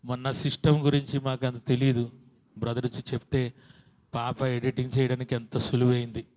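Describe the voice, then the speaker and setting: A man's voice: medium pitch, flat delivery, brisk. Male preacher, fervent church sermon, urging the congregation to answer back. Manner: call-and-response preaching, rising to loud exhortation. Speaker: pastor. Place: church hall.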